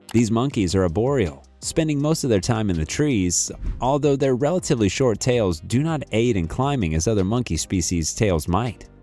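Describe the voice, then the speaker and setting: A man's voice: fairly low pitch, darkish tone. A man reading scripted nature documentary narration.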